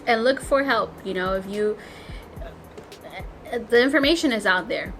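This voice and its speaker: A woman's voice: a little high, moderate pace, fairly bright tone, soft background music, poor audio. A woman co-hosting a vlog, chatting casually while eating and giving emphatic, motivational advice. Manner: emphatic, motivational, repeats for stress. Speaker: vlog co-host.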